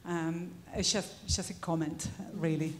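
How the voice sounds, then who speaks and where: A woman from Argentina, making a thoughtful comment from the audience with frequent pauses. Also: fairly low pitch, fairly even intonation. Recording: hall reverb with faint noise.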